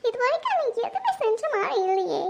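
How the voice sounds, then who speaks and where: A woman's voice: very high-pitched, very animated, brisk, fairly bright tone, a little hiss or hum, full character voice. A woman voicing a sulky young woman who dreads her own wedding, with a whiny, pleading way of talking. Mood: resentful.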